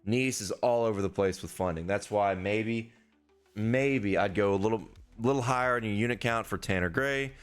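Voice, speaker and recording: A man's voice: fairly low pitch, moderate pace, smooth, soft background music. A man hosting a solo sports betting podcast, talking casually and candidly, swearing now and then.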